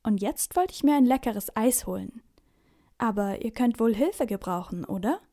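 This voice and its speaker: Calm gentle sandman guy a lady puts on, friendly, softly amused, kids' storybook. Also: very high voice, moderate pace, full character voice. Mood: kindly. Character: gentle little male Sandman, kindly wise.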